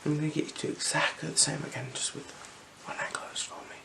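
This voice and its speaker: Someone with a slight cold plays an eye examiner in a gentle, unhurried ASMR roleplay, close to the mic, half whispering and murmuring small hums between short phrases. The voice is medium-pitched and gravelly, with little pitch movement, soft-spoken and whispered throughout.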